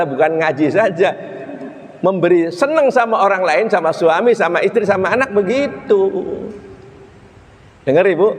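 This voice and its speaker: A middle-aged man preaching a lively sermon to women in with a lilt, acting out husband and wife voices and quizzing the crowd. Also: sits high, big-room sound. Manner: animated, acts out husband and wife voices, sings snippets, asks the crowd. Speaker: Islamic preacher.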